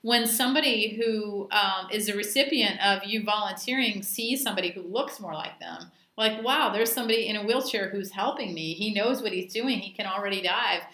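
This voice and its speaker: A woman's voice: medium pitch, brisk, few pauses, bright, forceful tone, reverberant. A woman dive instructor giving a casual training talk, chatty and full of anecdotes and fillers.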